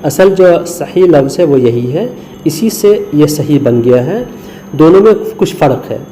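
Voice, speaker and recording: In this screen lesson, an Indian man with a fairly high, expressive, dark-toned voice walks through Urdu script one syllable at a time, slipping English words into his explanations. The recording is low quality, with a bit of hiss or hum.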